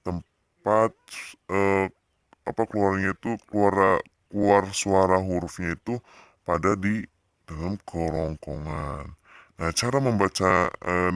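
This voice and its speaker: A young man giving a casual lesson on recitation rules, hesitant with many pauses, drawing out his example readings slowly. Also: sits low, fairly bright tone, no echo. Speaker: Quran recitation teacher.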